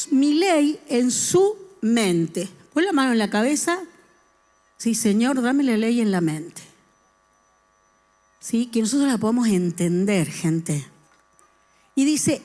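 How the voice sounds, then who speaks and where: A middle-aged woman, preaching a sermon and asking the congregation questions. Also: a little high. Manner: lively, talks with the congregation and asks them questions. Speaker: church speaker.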